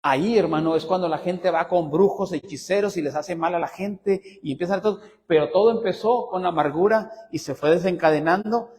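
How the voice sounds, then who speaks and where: A male pastor delivers a sermon in a high, lively voice, pitch leaping up on his questions to the congregation. His words ring out with a long church reverb around them. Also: brisk, few pauses. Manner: preaching with rising emphasis and frequent asides to the congregation; lively pitch swings, teasing humor. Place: church sanctuary.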